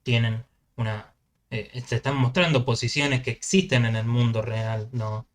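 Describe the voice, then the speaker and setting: A man's voice: medium pitch, fairly even intonation, a little slow. A man co-hosting a casual film discussion podcast, asking probing questions. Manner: probing, asks pointed questions. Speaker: podcast co-host.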